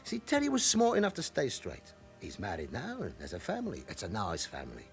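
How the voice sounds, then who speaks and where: A man voices an evasive, talkative London club owner of forty with a criminal history in a radio play. Faint music plays behind his lowish, brisk voice, which swoops wildly in pitch as he sounds pleading and protective.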